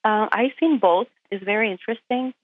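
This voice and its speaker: She's a truck driver from Puerto Rico, a native Spanish speaker with a Puerto Rican accent, talking as a guest in a phone interview. Her pitch is fairly high, her pace a little quick, and there's no echo, just a tinny line. She lays out her case emphatically, often through rhetorical questions.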